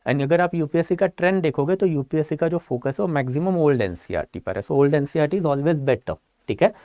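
A man's voice: fairly high pitch, animated, a little fast, dark tone, no room sound, clean studio sound. A man teaching an online exam-prep lecture, explaining step by step and often checking that students follow. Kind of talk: online lecture mixing Hindi and English.

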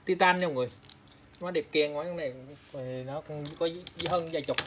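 A man's voice: on the high side, a little fast, a bit bright, slight background noise. A man selling used eyeglass frames online, chatting casually as he shows each pair and reads out prices and sizes. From Vietnam. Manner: chatty, repeats prices and specs, calls out to viewers. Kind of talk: casual product showcase.

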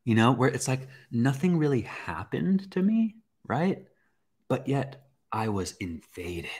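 A young man hosting a podcast, telling a personal story in a casual, animated way, with swearing and acted-out reactions. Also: medium pitch, takes it slowly, slightly rough. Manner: animated, swearing, acts out his own reactions. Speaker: podcast host.

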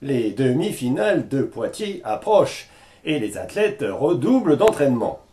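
A male reporter narrates a local sports segment in a slow, measured voice-over. His tone is mellow and dark, and his pitch rises and falls freely. The delivery sounds scripted and even. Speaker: news reporter.

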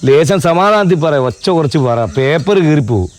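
A man with a Kozhikode Malayalam accent, calmly mediating a village quarrel and explaining at length. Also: fairly high pitch, soft background music. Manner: calm, explaining at length, fast-talking. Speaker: local mediator settling a neighbour dispute. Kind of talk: Malabar village comedy serial acting.

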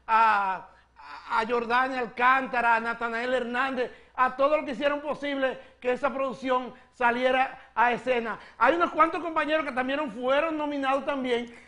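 A man's voice: very high-pitched, pushed and bright. A man playing a flamboyant, gossiping country woman from the Dominican Republic who hosts a comedy gossip segment, speaking with a Dominican accent, giggling and calling everyone "mi amor". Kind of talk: TV comedy sketch character.

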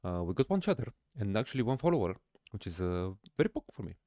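A young adult man talking in a casual, low-key way as a streamer giving a vlog update, close on a studio mic. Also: big pitch swings, fast, dark tone, no room sound. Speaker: streamer and vlogger. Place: small home room, indoors. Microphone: close studio mic on a boom arm.

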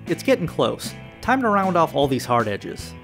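A man's voice: a little high, very animated, normal speed, creaky, fairly bright tone, faint music behind. A man with a nasal voice, hosting and narrating a step-by-step knife-making build, upbeat with jokey asides. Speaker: knife-making channel host.

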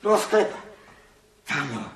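A man's voice: a little high, big pitch swings, a bit bright, husky, heavily acted. An actor playing a greedy, tyrannical old miser father who rants in frantic despair. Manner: blustering, frantic when robbed. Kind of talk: radio play acting.

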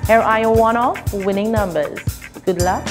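A woman's voice: medium pitch, normal speed, music in the background. A young woman, presenting a lottery draw in a formal, carefully enunciated way. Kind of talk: scripted TV lottery announcing.

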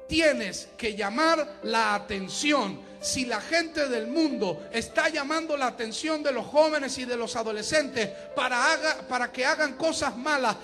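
A man preaching an impassioned sermon at a live church gathering. He moves from quiet talk to shouted exhortation. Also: very high-pitched, unhurried, few pauses, soft background music.

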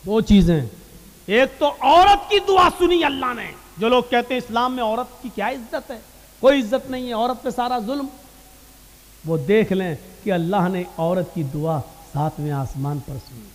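A man with a very high voice delivers a devotional sermon with great passion. He swings from ringing, emphatic proclamations to quiet, confiding asides. His voice carries a long reverb from a large hall. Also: moderate pace. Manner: impassioned, swings from loud declaiming to low hushed asides. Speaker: Islamic preacher.

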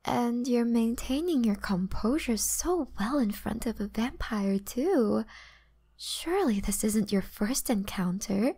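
A woman playing a flirtatious, gentle but predatory female vampire in an ASMR role-play, teasing and softly boastful. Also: a little high, lively intonation, slow pace, breathy edge, exaggerated voice. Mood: amused, coaxing.

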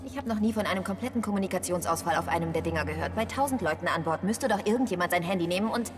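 An actress playing a sharp, outspoken spaceship technician in a game, brisk and confident. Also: female voice, fairly low pitch, over music, lightly acted. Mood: wry, businesslike. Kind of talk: dramatic game voice acting.

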